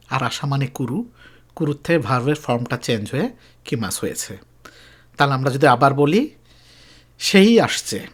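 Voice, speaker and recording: A Japanese teacher explains phrases patiently, repeating each example slowly with emphasis. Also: mid-range voice. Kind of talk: explanatory language lesson.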